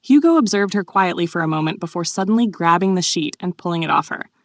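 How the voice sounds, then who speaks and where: Woman narrating a story, lively pitch. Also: fast talker, no room sound. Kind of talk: scripted narration of a comic recap.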